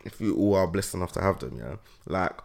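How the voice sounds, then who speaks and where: A man's voice: deep voice, expressive, fairly quick, creaky, a little mellow. A young man with a London roadman accent, chatting casually and emphatically in heavy street slang as he tells stories. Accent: London roadman, Multicultural London English. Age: young adult.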